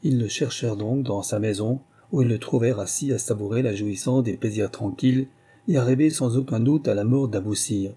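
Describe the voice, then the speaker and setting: A man narrating a classic tale in a measured, steady reading. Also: medium pitch, slightly rough. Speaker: audiobook narrator. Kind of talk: storybook narration.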